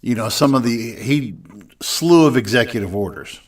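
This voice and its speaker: A man's voice: mid-range voice, lively intonation, normal speed, recorded from a distance. A man co-hosting a casual podcast, talking politics in a rambling, hesitant way full of restarts. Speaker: podcast co-host.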